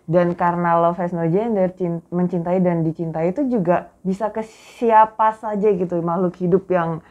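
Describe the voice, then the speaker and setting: A woman's voice: on the low side, fairly even intonation, moderate pace, darkish tone. A woman with an Indonesian accent co-hosting a casual podcast chat, chatty and mixing in English words. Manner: chatty, peppers speech with English words and fillers. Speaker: podcast co-host. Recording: dull lo-fi recording.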